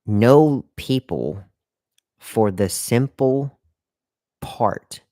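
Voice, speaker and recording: On a clean, dry studio recording, a man with a lowish, darkish voice gives casual career advice during a live stream. His talk rambles and circles back on itself as he speaks right to the chat, with occasional hiccups and burps.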